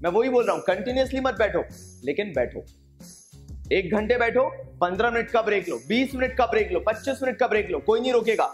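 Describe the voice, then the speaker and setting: A man's voice: sits high, animated, quick pace. A young man, a commerce teacher, gives casual exam study advice straight to his students, mixing Hindi and English. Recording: roomy echo with faint music.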